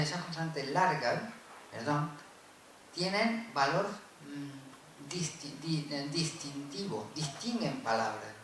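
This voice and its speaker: A man's voice: on the high side, a bit bright. A man giving an academic conference lecture, explaining step by step, often adding tag questions and correcting himself. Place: university lecture room. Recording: very echoey room, from far off, with noise.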